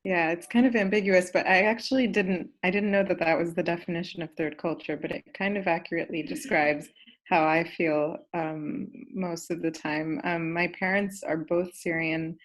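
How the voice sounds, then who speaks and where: A woman's voice: on the low side, steady tone, normal speed, poor audio. A woman with an American accent, talking casually and tentatively as she searches for words. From Arizona, United States. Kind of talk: casual personal chat.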